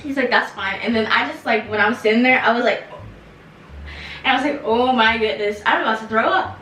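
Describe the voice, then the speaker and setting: A young woman telling a casual storytime, animated and slangy with lots of fillers. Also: on the high side, a little fast, soft background music. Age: young adult. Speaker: vlogger. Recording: echoey room, mic some distance off.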